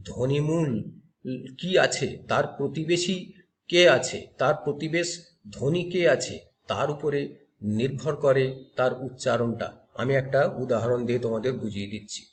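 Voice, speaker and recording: A man's voice: mid-range voice, a little hiss or hum. A male teacher giving a grammar lecture, explaining step by step and asking and answering his own questions. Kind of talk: classroom lecture.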